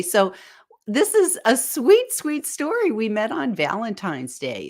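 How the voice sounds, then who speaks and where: An American woman, a guest on a live chat show, telling stories in a chatty, upbeat way. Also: medium pitch. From United States. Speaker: guest, live stream coach. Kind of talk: casual interview chat.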